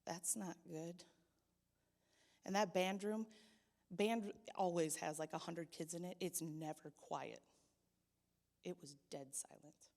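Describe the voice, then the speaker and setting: In a church hall with long, echoing reverb, a young woman shares her testimony, acting out the people she quotes and becoming loud and pleading. Her low, creaky voice is steady and slow, with frequent pauses.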